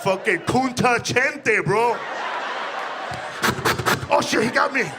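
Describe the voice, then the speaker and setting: A man's voice: very high-pitched, takes it slowly, a loud crowd. A male comedian doing a crude stand-up bit and laughing through his jokes, in a noisy live recording.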